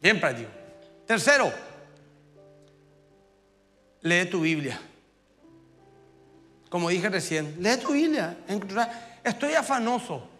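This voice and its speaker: A male pastor preaches in an animated, conversational way. His voice sits high for a man. The sound carries a long hall reverb with faint music underneath. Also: slow, pauses often. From Paraguay. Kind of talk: sermon.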